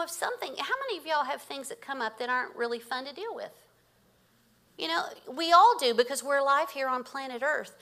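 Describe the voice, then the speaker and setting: A woman, preaching as a guest speaker and telling stories with frequent laughter. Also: a little high. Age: 50s. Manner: animated storytelling with laughter. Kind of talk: sermon.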